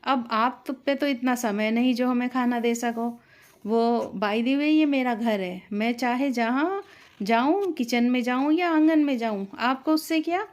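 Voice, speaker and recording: A woman's voice: on the high side, measured pace, natural voice. A woman voicing a spoiled young sister-in-law who talks back dismissively. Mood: sassy. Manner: dismissive, sassy.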